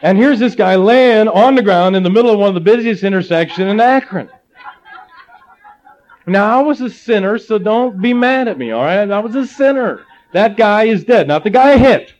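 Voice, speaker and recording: In a sermon recorded on slightly dull lo-fi audio, a middle-aged Ohio man preaches with animated stories and humorous side comments. He has a high voice and keeps a moderate pace.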